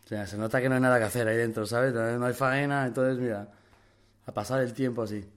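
A man's voice: medium pitch, fairly even intonation, brisk. A young Spanish man from Spain telling an anecdote casually, rambling with lots of slang, fillers and imitated sounds. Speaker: storyteller.

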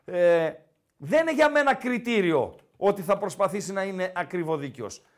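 A Greek-accented man hosting a casual sports podcast in a high, animated voice. He talks fast and loose and ribs his co-host as he goes. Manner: teasing, animated, repeats the co-host's name.

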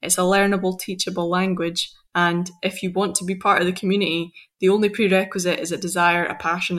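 A Scottish woman in her twenties, a poet speaking as a guest in an animated, expressive interview. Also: fairly low pitch. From Scotland. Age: 20s. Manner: animated, expressive, lively storytelling. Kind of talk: conversational interview.

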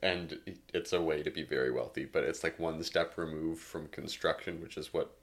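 A man's voice: extremely low pitch, fairly even intonation, moderate pace. A young man co-hosting a casual podcast chat, laughing often and talking playfully. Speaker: podcast co-host.

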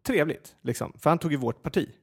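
A man telling a personal story in a casual podcast chat, animated and full of fillers and restarts. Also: on the high side, vocal fry, slightly rough.

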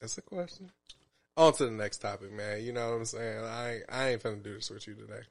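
A man's voice: lowish voice, brisk, creaky. Male podcast co-host, thirties, playful slangy banter, teasing tone. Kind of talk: casual banter.

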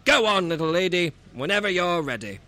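A sharp, high voice that swoops about eagerly , put on by a man. He is a patronising male boffin in a radio comedy, very sure of his gadgets. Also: sing-song, fairly quick, exaggerated voice. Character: fussy, confident male paranormal equipment technician. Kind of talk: comedy radio sketch acting.

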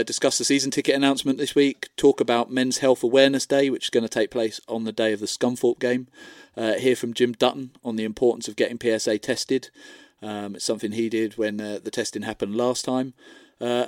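A man's voice: medium pitch, a little mellow, no room sound. A man hosting a football preview show from a studio, chatting in a casual, jokey and informal way. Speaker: sports show host. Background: music bed.

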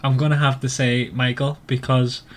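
A podcast host from Northern Ireland, with the accent to match, leads a casual book discussion. He talks haltingly and often repeats words, his voice medium-pitched and level in tone.

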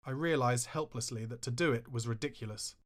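A man with a mid-range voice briskly reads his own memoir as audiobook narration. He mocks himself wryly, and his voice jumps up in outbursts when he repeats what he once said.

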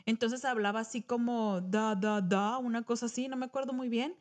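A young woman with a high voice and a Mexican Spanish accent tells a childhood story. She is a podcast co-host and keeps it casual. She jumps into the voices of the people in her story. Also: normal speed. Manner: animated, acts out quoted voices.

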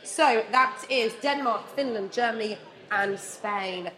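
A woman's voice: a little high, takes it slowly, pushed and bright. A woman hosting a sports podcast in casual chat, leading the talk with light laughter. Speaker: podcast host.

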